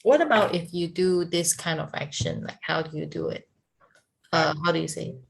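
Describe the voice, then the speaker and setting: A woman who is a non-native English learner, speaking haltingly in a lesson and repeating phrases back. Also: lowish voice, creaky, poor audio. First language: not English. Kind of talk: conversational language lesson.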